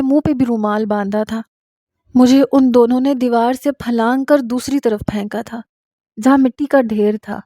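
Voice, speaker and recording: Mellow-voiced woman narrating a tragic story. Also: fairly high pitch, no echo, clean studio sound. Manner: emotional, intense storytelling. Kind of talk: scripted first-person dramatic narration.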